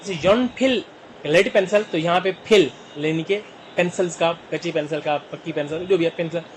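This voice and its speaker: Pakistani guy with a high voice teaching korean words, breaks them into syllables, slight background hiss. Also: rough recording. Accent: Pakistani Urdu. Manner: spells words out slowly syllable by syllable. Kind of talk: vocabulary lesson.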